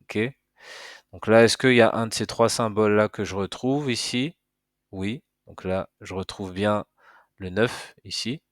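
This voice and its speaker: Male teacher, low voice, casual and patient, explains step by step, dry close recording. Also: a little slow, no echo. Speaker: Arabic teacher. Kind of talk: casual spoken lesson.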